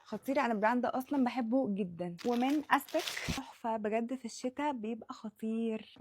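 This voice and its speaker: A woman with an Egyptian Arabic accent narrates an unboxing vlog at a rapid clip. Her voice sits a little high, and she gushes over each item as she rattles through the products. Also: a little mellow, no echo. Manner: gushing, rapid listing of products. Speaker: beauty influencer.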